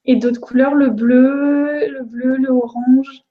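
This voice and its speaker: A woman's voice: high voice, fairly even intonation, slow. A woman hosts a live interview, accommodating her guest and recapping for the audience. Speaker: interviewer and host. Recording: slightly muffled lo-fi sound.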